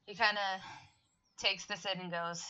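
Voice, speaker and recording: A woman running a tabletop game as game master, narrating softly while her voice keeps cutting out over a bad online mic. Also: medium pitch, steady tone, moderate pace, clear, resonant tone. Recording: dull lo-fi voice chat mic.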